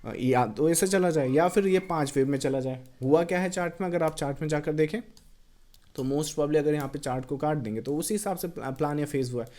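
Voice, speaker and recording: A man walks through a trading chart, mixing Hindi and English as he counts out the waves. His voice sits a little high but sounds warm and mellow. He gets blunt with the people who doubt his method. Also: fairly quick. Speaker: trading educator. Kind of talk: chart walkthrough lesson.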